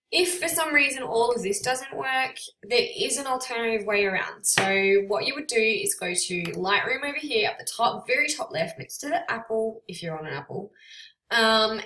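A woman giving a relaxed, chatty software tutorial with frequent ums, recorded on a built-in computer microphone without a proper mic. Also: medium pitch. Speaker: photographer selling presets. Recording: tinny, echoey sound without a proper microphone.

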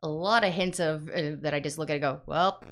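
Woman co-host, lower-pitched, teasing and playful casual chat. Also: quick pace. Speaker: co-host, shop partner. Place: screen printing shop.

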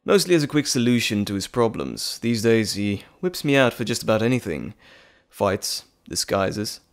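A man voices a monstrous alter ego in a dramatic audio roleplay, menacing and teasing, theatrical and mocking as he drawls through dramatic pauses. His fairly low voice takes on a sing-song lilt, with a smug, insinuating mood.

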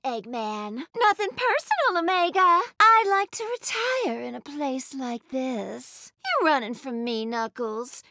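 A woman's voice: high-pitched, bright, forceful tone, no echo, studio quality, full character voice. An actress voicing a sassy, flirty female bat racer in a video game, smug and teasing, with a sultry, taunting manner. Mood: cool, scornful. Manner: sultry, taunting, pet names like sugar and honey. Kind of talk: video game character voice lines.

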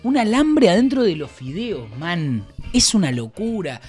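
A man from Argentina with a Rioplatense accent, telling stories in casual chat, switching between loud mock-tough outbursts and low asides. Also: sing-song, unhurried, soft background music. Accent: Rioplatense Spanish. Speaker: streamer and radio host.

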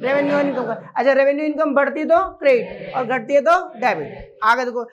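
A man with a high voice leads an accounting lesson, drilling each rule through repetition and quick quizzing of his students. The recording sounds dull and lo-fi. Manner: drills rules by repeating them and quizzing students. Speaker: accounting teacher. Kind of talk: classroom lecture.

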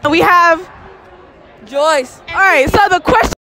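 A teenage girl playfully asking classmates questions into a phone in busy school halls, slangy and quick. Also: very high voice. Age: teens. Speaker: student interviewer. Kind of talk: casual school hallway interviews. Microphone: phone held out by hand. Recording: loud crowd chatter behind.

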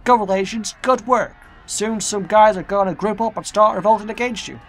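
A man's voice: high-pitched, fairly even intonation, normal speed, a bit bright, voice pushed up. A man voicing a worried male adviser who urgently pleads with his boss, in a video game read-aloud. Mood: urgent pleading. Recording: game music behind.

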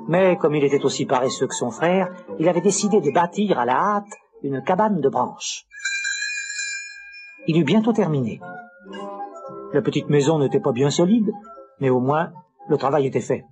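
A man narrating a children's storybook record in an animated, expressive way, with music behind. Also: fairly high pitch.

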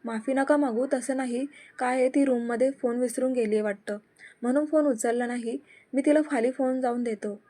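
Woman, story narrator, slightly high voice, mellow tone, steady reading of all dialogue. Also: normal speed. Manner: reads every character in one steady voice.

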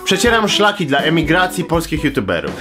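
A sarcastic, crude young man answering viewer questions in a comedic vlog, deadpan. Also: a little high, fairly quick. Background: music.

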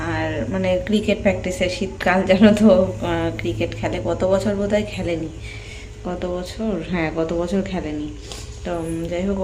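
A woman's voice: fairly low pitch, darkish tone. A middle-aged woman chatting casually in a home vlog, rambling with many fillers, recorded on a phone camera at home. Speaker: vlogger. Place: home kitchen and bedroom.

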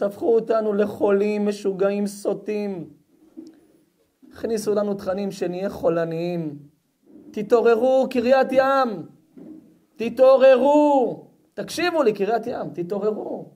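Fiery high-voiced preaching man. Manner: fiery, swings between shouting and hushed sarcasm; addresses the crowd directly. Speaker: rabbi giving a public lecture. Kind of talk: impassioned sermon.

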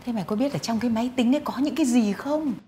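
A woman's voice: on the high side, very fast, dark tone, a little hiss or hum, lightly acted. Woman doing a scheming country mother-in-law. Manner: chatty, coaxing, then scolding. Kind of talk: dubbed drama voice acting.

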